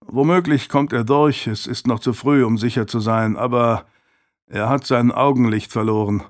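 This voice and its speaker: A man's voice: mid-range voice, steady tone, moderate pace, lightly acted. A man voicing a serious young man reporting bad news in an audiobook reading. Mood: grave. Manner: grave, matter-of-fact. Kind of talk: audiobook character voice.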